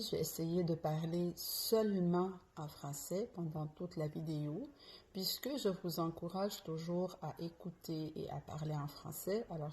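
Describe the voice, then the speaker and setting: Slow, careful woman teaching pronunciation. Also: low-pitched, dark tone. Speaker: French teacher. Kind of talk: pronunciation lesson.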